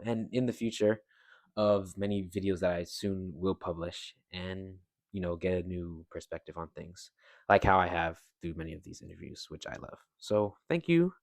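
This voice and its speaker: Young guy hosting, low voice, kinda hesitant and rambly, dry close sound. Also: darkish tone, no room sound. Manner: hesitant, chatty, lots of fillers. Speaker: host, interviewer. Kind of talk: casual interview.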